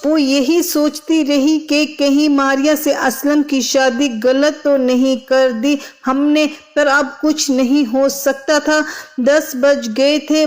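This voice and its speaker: Slow, high-voiced woman storyteller. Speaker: narrator. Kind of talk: storybook narration.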